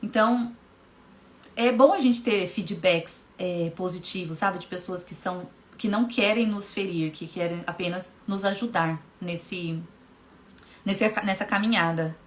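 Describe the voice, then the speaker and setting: A woman's voice: fairly low pitch, measured pace, a little hiss or hum. A woman, a hypnotherapist hosting a live stream, talking emphatically to viewers, repeating key phrases and greeting them by name. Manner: addresses viewers directly by name. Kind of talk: casual motivational live talk.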